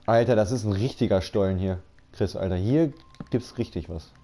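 A man's voice: on the low side, moderate pace, warm tone. A man chatting casually while playing a game, slangy and laid-back, often saying "Alter". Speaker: Let's Play commentator. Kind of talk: casual gaming chat.

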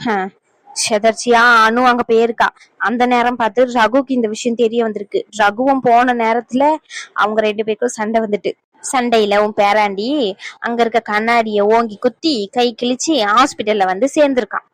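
A woman's voice: a little high, fairly even intonation, moderate pace, no echo, natural voice. Woman voicing an exasperated cartoon granddaughter. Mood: explaining. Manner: blunt, exasperated explaining. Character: exasperated young granddaughter, blunt and bossy. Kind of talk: cartoon family drama voice acting.

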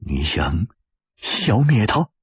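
A tormented young assassin, acted by a male storyteller, torn by loyalty and halting over his words. His voice is husky and breathy, and the dry recording sounds dull and muffled. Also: lowish voice, very animated, no echo, exaggerated voice. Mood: anguished. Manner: halting, stammering. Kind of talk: pingshu storytelling.

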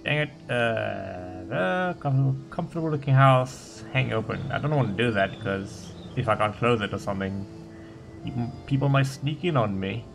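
A man's voice: on the low side, normal speed, vocal fry, music in the background. A man playing through a gamebook and thinking aloud, hesitant as he mulls over his choices. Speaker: player.

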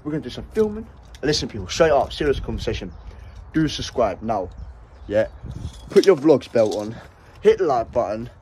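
A young man with a British English accent, vlogging outdoors in the woods on a handheld phone, loud, laddish and jokey. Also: mid-range voice, sing-song, moderate pace, a little hiss or hum. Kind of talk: casual vlog chat.

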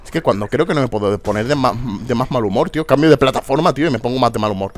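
A young man commentating his online shooter match, foul-mouthed and exasperated, bursting into shouts. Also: medium pitch, racing, slight background noise. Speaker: gameplay commentator. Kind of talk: casual gameplay commentary.

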